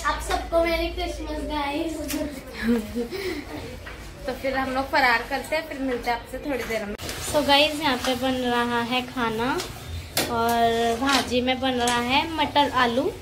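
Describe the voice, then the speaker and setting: A woman's voice: high voice, noisy background. A woman vlogging for her channel, showing things to the camera as she goes. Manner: unhurried, shows things to the camera. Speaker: family vlogger. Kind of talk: casual vlog narration.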